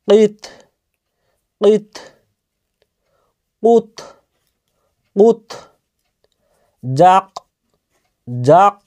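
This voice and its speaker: A man teaching Quran reading, slowly spelling out and repeating syllables, then explaining in quick asides. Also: fairly high pitch, dark tone. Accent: Bangladeshi Bengali. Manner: repeats each syllable several times for learners. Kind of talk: slow spelled-out recitation lesson.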